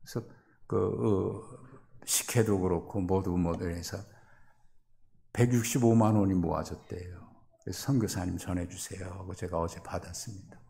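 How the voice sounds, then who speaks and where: Middle-aged pastor guy preaching, gravelly voice, jumps loud and high when he quotes people. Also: steady tone, moderate pace, a little hiss or hum. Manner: acts out imagined quotes with sudden loud, high bursts. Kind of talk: sermon.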